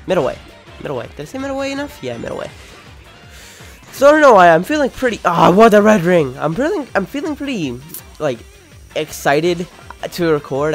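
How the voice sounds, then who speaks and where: A young man with a lisp giving casual, rambling, excitable and jokey commentary as he plays a video game. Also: medium pitch. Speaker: video game let's play host. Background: video game music.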